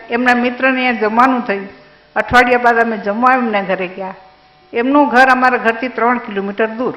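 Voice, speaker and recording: Older woman telling gentle stories. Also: a little high, roomy sound, low-quality recording. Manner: gently humorous storytelling. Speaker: speaker's wife giving a tribute. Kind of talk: personal reminiscence speech.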